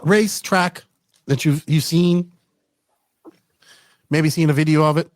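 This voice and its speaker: A man's voice: fairly high pitch, takes it slowly, no echo. A man hosting a casual podcast, firing off chatty follow-up questions. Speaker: podcast host.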